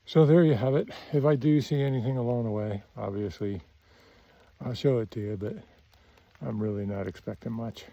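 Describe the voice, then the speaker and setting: A man's voice: mid-range voice, moderate pace, gravelly, dark tone, no room sound, muffled recording. A man, casually narrating his hiking vlog outdoors on the trail, easygoing and plainspoken with frequent ums. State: out of breath. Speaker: hiking vlogger.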